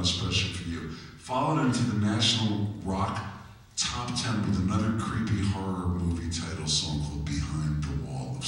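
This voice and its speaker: A man's voice: low-pitched, fairly bright tone. A man in his fifties with a New Jersey accent, telling joking stories to a live audience and asking the crowd questions. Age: 50s. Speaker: musician telling stories on stage. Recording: echoey hall from far off.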